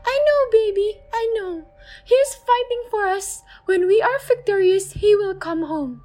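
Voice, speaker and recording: Woman narrator voicing a frightened young mother. Pitched well above her own voice, tender and hushed, storybook. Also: measured pace, faint music behind. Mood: soothing. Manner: soft, tender, soothing.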